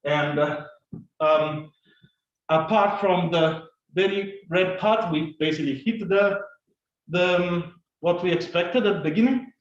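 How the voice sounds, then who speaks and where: A man giving a fast, halting scientific conference talk, full of fillers and restarts. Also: high-pitched. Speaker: conference speaker. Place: conference room or lecture hall. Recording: echoey, dull conference recording.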